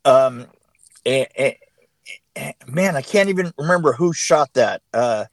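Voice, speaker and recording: A production designer, appearing as a guest in a casual interview chat, tells rambling behind-the-scenes stories with many restarts and bursts of laughter. His medium-pitched voice is animated and measured in pace, with no room sound.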